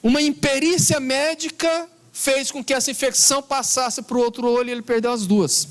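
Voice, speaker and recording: A man with a Brazilian Portuguese accent giving a spiritist lecture, telling a story in an earnest, emphatic way and slowing down on key words. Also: very high voice, fairly even intonation.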